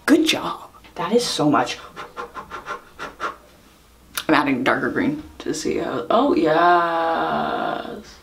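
A woman's voice: low-pitched, big pitch swings, slow pace, vocal fry, a bit bright, a little hiss or hum. A young woman from Ireland chatting casually in a makeup vlog, rambling and self-deprecating with frequent giggles. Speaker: vlogger.

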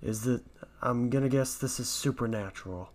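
A man playing along with a fan quiz video, thinking out loud and poking fun at himself. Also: medium pitch, normal speed, music in the background. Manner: self-mocking, thinks out loud. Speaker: YouTuber reacting to a quiz. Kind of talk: casual quiz reaction commentary.

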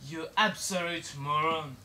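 A bossy, defiant runaway boy played by a man pushes his companions on in a bright, high voice. His tone turns mocking and insistent. Faint noise sits under the outdoor stage. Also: unhurried. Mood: bickering.

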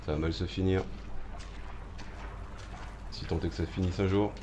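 Excitable, swearing man commentating a game. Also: low-pitched, normal speed, lo-fi sound, noisy background. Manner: excitable, swearing, taunting the game's enemy with mock drama. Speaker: streamer playing a horror game. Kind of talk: live gameplay commentary.

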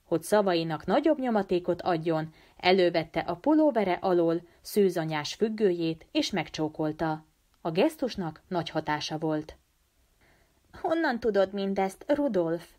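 Calm woman audiobook narrator. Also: on the low side.

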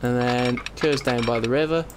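Thinking aloud as he plays, a let's play host offers rambling, casual commentary full of self-interruptions. He speaks at a medium pitch and a moderate pace. The compressed desktop microphone catches faint room noise and keyboard typing under his voice-over.

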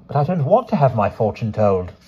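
A man's voice: mid-range voice, big pitch swings, a little fast, darkish tone, slightly rough, lo-fi sound. A man doing a nervous, pleading young woman.

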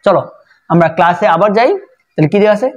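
A woman teaching English pronunciation in an online lesson, explaining step by step and repeating each word slowly for practice. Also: mid-range voice, lo-fi sound.

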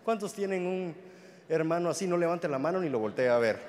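High-voiced young preacher in a hall. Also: male voice, lively intonation, fairly quick, a little mellow. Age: young adult. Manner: storytelling with humor, acting out dialogue. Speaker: pastor. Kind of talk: sermon. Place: large church hall. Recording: reverberant hall with faint noise.

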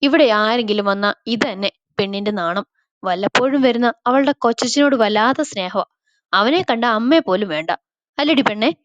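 A woman's voice: on the high side, moderate pace, no room sound, natural voice. A woman voicing a cheerful young mother who teases her little daughter, on a slightly dull, dry recording. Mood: playful.

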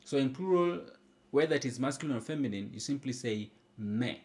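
A man teaching a recorded French lesson in English, explaining slowly and repeating each phrase, filmed with a camera held over a textbook on a desk. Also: mid-range voice, lively intonation, a little mellow.

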